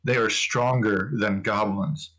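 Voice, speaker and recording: A man voicing a grave male elf who calmly warns of danger. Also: lowish voice, slow pace, poor audio.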